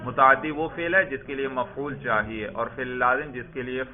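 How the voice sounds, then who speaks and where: A male teacher gives a grammar lesson, often questioning his students and going back over each point. His voice sits at an ordinary pitch. The recording is narrow and tinny, like a phone line. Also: fairly even intonation. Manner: asks students questions, repeats and explains patiently. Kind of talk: classroom lesson.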